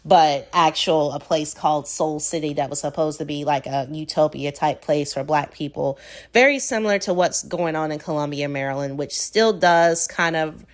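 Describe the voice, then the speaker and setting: This solo podcast monologue comes from its host, an American woman whose Southern accent colors a deep voice moving at normal speed. Her talk is relaxed and reflective, scattered with plenty of fillers.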